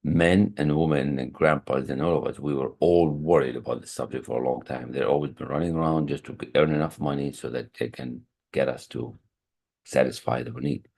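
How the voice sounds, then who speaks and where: A man's voice: very deep voice, steady tone, a little fast, creaky, darkish tone, slightly rough. A man coaching in a motivational online lesson, earnest, repeating key phrases and restarting his sentences. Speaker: high performance coach. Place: online meeting room. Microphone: computer mic on a video call.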